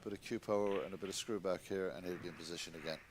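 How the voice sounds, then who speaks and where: A man giving hushed, measured snooker commentary in an understated way. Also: deep voice, fairly even intonation. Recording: noisy commentary recording with clicks.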